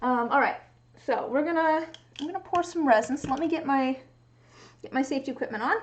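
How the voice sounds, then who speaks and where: A woman's voice: high voice, fairly quick, a little hiss or hum. A woman chatting casually as she works through a craft livestream. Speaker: craft streamer. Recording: dull lo-fi stream audio.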